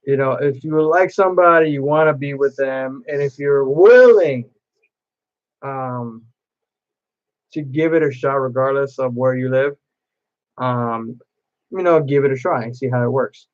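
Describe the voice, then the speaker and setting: A man's voice: mid-range voice, unhurried, long pauses, muffled recording. A man chatting to camera as a cosplay vlogger, telling a long personal story in a rambling way with many restarts.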